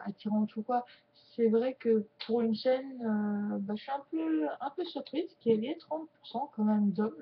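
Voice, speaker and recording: A woman chatting casually to camera as a sign language YouTuber, joking and slowing her words as she signs. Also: on the high side. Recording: dull lo-fi sound.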